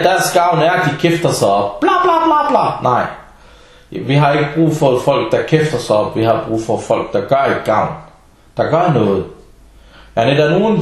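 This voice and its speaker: A man giving an informal religious talk in a blunt, scolding and sarcastic way. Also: on the high side. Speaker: preacher. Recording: very echoey room.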